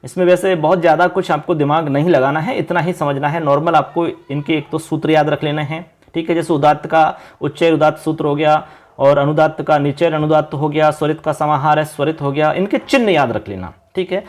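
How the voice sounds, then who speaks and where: Male teacher from India, high-pitched voice, patient and repetitive explanations, online grammar lesson. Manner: explains patiently, repeats points and checks understanding.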